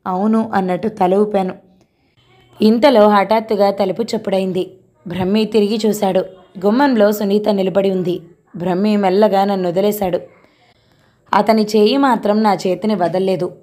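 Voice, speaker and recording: A woman narrating a first-person romantic story in a steady, expressive reading voice. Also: medium pitch.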